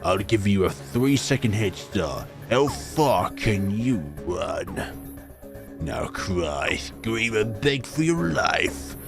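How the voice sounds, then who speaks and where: A man voicing a sadistic killer in a video game, with slow, theatrical, taunting villain menace and a gravelly voice. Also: on the low side, sing-song, over music, exaggerated voice.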